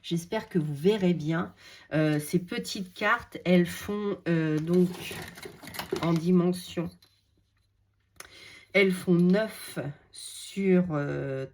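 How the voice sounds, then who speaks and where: Femme française, enthousiaste et lente. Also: female voice, on the low side, darkish tone. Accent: French. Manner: gushing, repeats words, many fillers. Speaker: crafting vlogger showing a haul. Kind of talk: casual unboxing chat.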